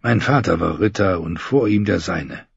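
A man voicing a weary middle-aged holy man, a former knight, speaking quietly and confessionally in an audiobook. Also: low-pitched, moderate pace, gravelly, breathy edge, dry recording, heavily acted. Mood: regretful. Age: 40s. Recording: dull muffled recording.

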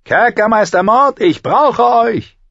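A man doing Tyrion, a high cajoling dwarf lord. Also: very animated, moderate pace, husky, no echo, dull audio, exaggerated voice. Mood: shouting. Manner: wheedling, cajoling under strain. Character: clever sharp-tongued dwarf nobleman, beaten captive.

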